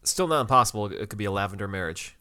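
Low-voiced man in easy podcast chat. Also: animated, rapid-fire, bright, forceful tone, smooth. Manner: easygoing, self-deprecating, laughs at himself. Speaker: podcast co-host. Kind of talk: casual chat recapping a TV episode.

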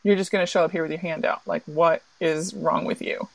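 A woman's voice: lowish voice, steady tone, brisk, vocal fry, dry recording, rough recording. A woman doing a fed-up little red hen. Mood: exasperated. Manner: exasperated scolding rant.

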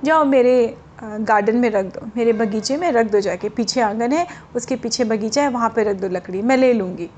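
A woman's voice: a little high, moderate pace, few pauses, a little mellow, a little hiss or hum, natural voice. A woman voicing an irritable, greedy, quarrelsome old woman who snaps impatiently in a told story. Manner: snappish and impatient.

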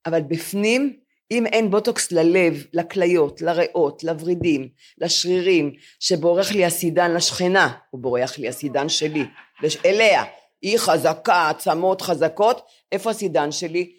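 In her seventies, this woman co-hosts a podcast and chats before a live audience, telling stories in a self-mocking way. Her voice is fairly low and slightly rough.

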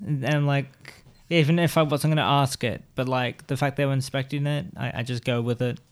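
A man with a lisp that turns his R's into W's, chatting in a halting, repetitive, jokey way as a comedy podcast host. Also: mid-range voice, fairly even intonation, clean tone. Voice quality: lisp, can't pronounce R's, says w for r. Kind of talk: casual comic banter.

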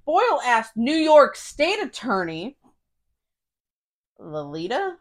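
A woman's voice: on the high side, huge pitch swings, slow. A woman co-host reading out case details, with blunt, sweary, casual asides.

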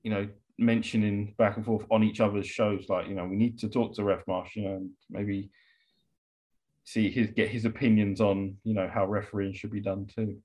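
A man's voice: lowish voice, little pitch movement, normal speed, a little mellow. A British man co-hosting a podcast in casual chat, with loose, hesitant phrasing. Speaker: wrestling podcast co-host.

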